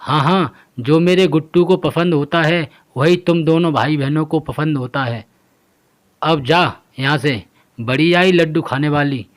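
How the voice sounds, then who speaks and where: A man's voice: on the high side, unhurried, natural voice. A man doing a harsh, sneering stepmother. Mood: scornful. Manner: scolding, sneering. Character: harsh scornful stepmother, middle-aged woman. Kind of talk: storybook voice acting.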